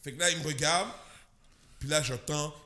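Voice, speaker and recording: A man with a Québécois accent, a guest comedian telling an animated, slangy story on a podcast. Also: fairly high pitch, normal speed. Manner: slangy, punchy, mixes English words in.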